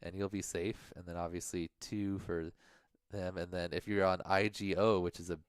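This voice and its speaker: A man co-hosting a livestream talks through the race standings in a relaxed, thinking-aloud way, sometimes trailing into mumbles. His voice sits low and sounds smooth and resonant. The sound is close and dry. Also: moderate pace, no room sound. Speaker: livestream co-host. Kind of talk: casual stream chat going over race standings.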